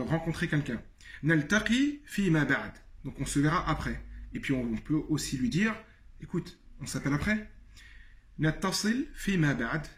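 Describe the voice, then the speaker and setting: Man teaching with slow repeated phrases. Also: fairly high pitch. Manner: explains slowly, repeating phrases with many pauses. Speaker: Arabic teacher. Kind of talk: spoken language lesson.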